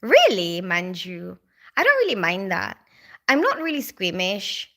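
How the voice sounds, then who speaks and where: Her mid-range, slightly bright voice swoops wildly in pitch, and she talks a little slowly. A young woman from the Philippines, she hosts a livestream in a Filipino accent, casually chatting and reading viewer comments with plenty of "like" and "you know."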